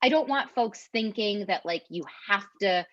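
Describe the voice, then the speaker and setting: A woman co-facilitating a workshop over a video call, relaxed and hesitant, with lots of fillers. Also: medium pitch, moderate pace, no echo. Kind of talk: casual video-call discussion. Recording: dull lo-fi call audio.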